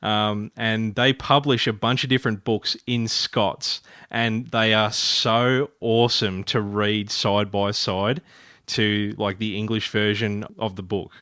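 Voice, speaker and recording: A man's voice: lowish voice, level tone, slow, pushed and bright, clear, resonant tone, no echo. Playful man, dry close sound. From Ireland. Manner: playful, rambling. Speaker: podcast host. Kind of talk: casual chat.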